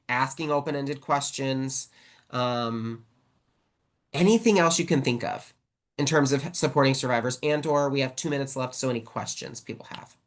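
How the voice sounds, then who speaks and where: A woman giving a casual webinar talk as a guest presenter, talking in a chatty way with lots of "like". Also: a bass voice. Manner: chatty, fills with "like". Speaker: guest presenter on sexual violence support.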